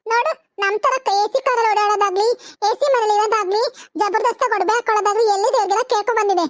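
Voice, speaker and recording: A woman's voice: very high voice, fairly even intonation, quick pace, no room sound, clean studio sound. A woman voicing a proud, boastful young woman in a cartoon. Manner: boastful, scornful. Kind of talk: cartoon voice acting.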